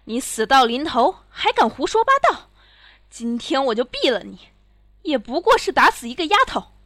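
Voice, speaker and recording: A woman's voice: high voice, big pitch swings, normal speed, fairly bright tone, no room sound, clean studio sound, exaggerated voice. A woman playing a scornful, imperious empress giving orders. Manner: commanding, scornful. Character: stern imperious empress, cold and commanding. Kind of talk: period palace drama acting.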